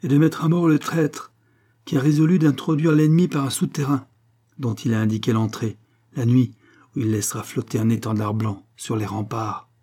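A man's voice: mid-range voice, flat delivery, moderate pace, dark tone, natural voice. A man voicing a thirteen-year-old boy duke who speaks with firm, solemn command. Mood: coldly resolute.

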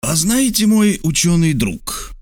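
A man reading a calm, teasing major. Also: mid-range voice, moderate pace, dry recording, clean studio sound, natural voice. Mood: dry. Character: calm, dryly ironic military major, man. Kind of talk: audiobook character voice.

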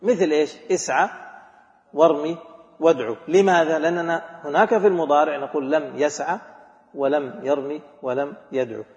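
A grammar teacher with a somewhat high male voice leads a class, firing questions at his students and repeating examples. His voice rings through a large echoing hall with a long reverb tail. The recording sounds dull and lo-fi. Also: steady tone, fairly quick, a little mellow. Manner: mixes formal Arabic with colloquial speech. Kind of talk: classroom lecture on a grammar text.

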